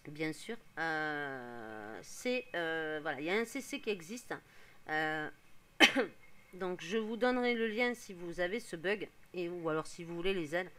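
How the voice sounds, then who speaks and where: Chatty, hoarse woman streamer. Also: lowish voice, animated, a little slow, fairly bright tone. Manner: chatty, explains step by step with many fillers. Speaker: gaming streamer. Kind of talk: casual gameplay commentary.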